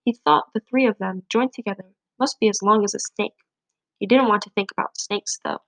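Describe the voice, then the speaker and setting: A woman reading a children's picture book aloud, with gentle, steady storytelling. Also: mid-range voice, moderate pace, no room sound, low-quality recording. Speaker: storybook reader.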